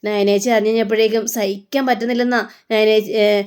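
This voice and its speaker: A woman's voice: medium pitch, little pitch movement, brisk, darkish tone, smooth, natural voice. A woman voicing a worried young woman, earnestly explaining family troubles. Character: worried young woman reporting bad news.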